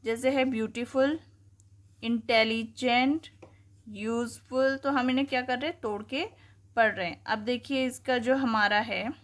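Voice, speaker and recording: A woman's voice: on the high side, fairly even intonation. A woman teaching grammar, asking questions and answering them herself. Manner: explains slowly, asking and answering her own questions. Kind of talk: classroom-style lesson.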